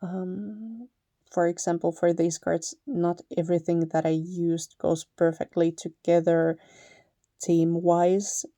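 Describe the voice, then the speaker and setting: A paper-crafting channel host from Finland, speaking with a Finnish accent, takes her tutorial slowly in a fairly low voice. Relaxed and talkative, she laughs softly and corrects herself at times, and the studio audio is clean and echo-free.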